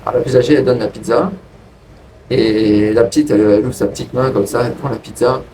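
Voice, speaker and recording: A man casually telling a personal story to his viewers in a rambling way, with frequent restarts. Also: fast. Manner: rambling, restarts, lively pitch jumps. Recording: distant from the mic with faint ambient noise.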